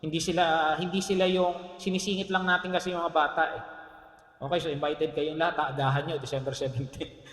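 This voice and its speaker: A male pastor preaching a sermon in a church, animated and joking, asking the congregation rhetorical questions. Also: fairly high pitch, fairly quick, echoey room, in a large hall.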